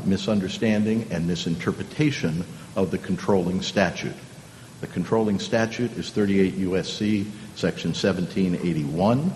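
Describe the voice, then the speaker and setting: Low-voiced male lawyer, halting, in a hall. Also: darkish tone. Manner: deliberate, halting with frequent hesitations. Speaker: appellant's lawyer. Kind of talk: formal oral argument to a court. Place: large conference hall. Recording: reverberant hall, faint rumble.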